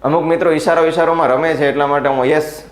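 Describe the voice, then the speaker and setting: A man teaching a revision class, lively and playful, teasing his students by name. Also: fairly high pitch, fast talker, roomy sound.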